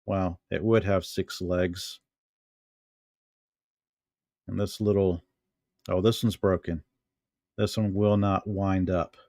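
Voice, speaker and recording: Slow-talking American man, low voice. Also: level tone, mellow, dry recording, clean studio sound. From United States. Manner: unhurried, musing, talks to himself while handling objects. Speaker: vlogger. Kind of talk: casual show-and-tell vlog.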